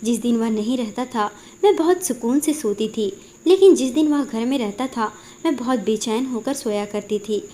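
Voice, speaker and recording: A woman's voice: on the high side, normal speed, few pauses, mellow. A woman narrating an emotional first-person Hindi story in an earnest, dramatic way.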